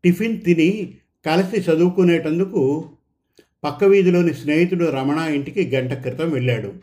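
A man reading a story aloud in an even, measured narration. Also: on the high side.

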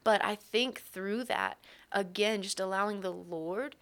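A woman's voice: mid-range voice, unhurried, fairly bright tone. A young woman, a guest on a faith interview, telling her story earnestly and candidly, with frequent restarts. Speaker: guest, worship coordinator. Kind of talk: conversational testimony interview.

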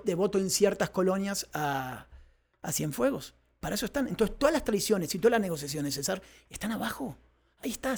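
A man's voice: sits high, creaky, darkish tone. A man from Argentina, co-hosting a podcast and giving emphatic, opinionated views in casual chat, now and then swearing. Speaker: podcast co-host.

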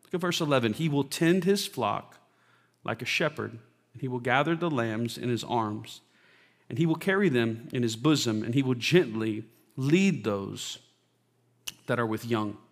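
A man, a pastor, preaching a sermon, reading scripture aloud with rising emphasis and praying softly during a live church service. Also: medium pitch, lively intonation, moderate pace. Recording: long reverb of a large hall.

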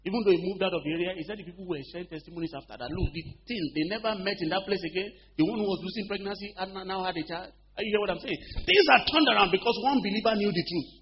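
Emphatic high-voiced male preacher. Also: rapid-fire, hardly any pauses, a crowd in the background. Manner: call-and-response questions to the congregation; swings between loud emphatic bursts and quiet storytelling. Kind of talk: sermon. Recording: dull lo-fi recording with faint hum.

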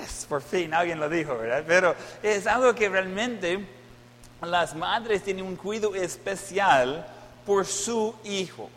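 Middle-aged male pastor, humorous storyteller, slightly high voice, echoing church hall. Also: a bit bright, slight background noise. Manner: storytelling with humor, playful self-mockery. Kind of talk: Mother's Day sermon. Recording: long church hall reverb.

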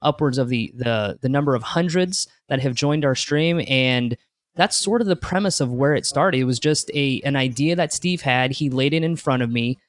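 A man's voice: mid-range voice, normal speed, no echo. Earnest man, dry close sound. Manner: earnest, upbeat, many restarts. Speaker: podcast co-host, interview guest. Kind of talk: conversational interview answers.

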